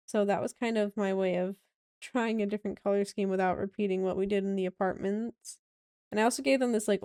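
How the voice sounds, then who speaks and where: In a clean, dry studio recording, a raspy-voiced young woman with a warm, mid-range tone walks through a house she built in a game. Her narration is casual and rambling, peppered with many fillers.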